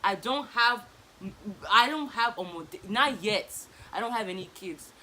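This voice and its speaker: A woman's voice: on the high side, lively intonation, measured pace, bright, forceful tone. A woman, chatting casually and animatedly in slangy bursts while she does her makeup. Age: 20s. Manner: talking distractedly while applying makeup. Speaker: vlogger. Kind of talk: casual get-ready-with-me chit chat.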